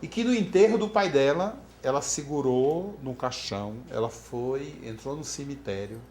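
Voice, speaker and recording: A man's voice: mid-range voice, moderate pace. A man from Brazil teaching about floral remedies in a storytelling lecture, acting out the voices of the people in his story. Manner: animated, acts out quoted voices. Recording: echoey room with faint background noise.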